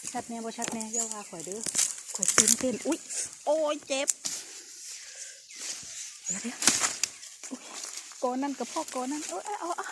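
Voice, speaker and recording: Woman, Isan accent, high voice, excited and breathless, noisy outdoor recording. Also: normal speed, long pauses. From Northeast Thailand. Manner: excitable, breathless exclamations, chatting to viewers. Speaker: vlogger. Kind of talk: casual vlog narration. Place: outdoors on a forested hillside. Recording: outdoor recording with heavy background noise.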